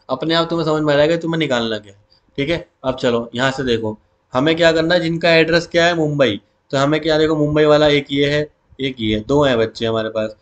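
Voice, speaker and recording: A teacher with a slightly high voice runs an exam revision lesson and keeps calling his students "beta." He throws key words back to the class as questions. When he reads the commands out, he goes slowly, word by word.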